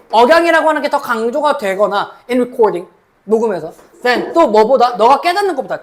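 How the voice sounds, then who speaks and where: A woman lecturing as a cram school English teacher, reading English sentences slowly, then explaining them in Korean and checking in with her students. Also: fairly high pitch. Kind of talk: mock exam explanation lecture.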